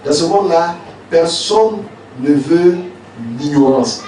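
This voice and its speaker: A man's voice: a little high, slow, a little mellow. Echoey distant male preacher. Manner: explains verses line by line, recites Arabic then explains it in French; addresses listeners directly with rhetorical questions. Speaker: Islamic teacher giving tafsir. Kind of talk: sermon-style commentary on a text. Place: zawiya gathering hall. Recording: very echoey, from far off, faint background noise.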